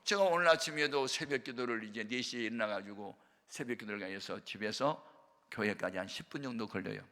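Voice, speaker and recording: Older Korean pastor, gravelly bright voice. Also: male voice, fairly low pitch, brisk, long reverb tail. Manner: storytelling, acting out dialogue with sudden loud bursts. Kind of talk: sermon.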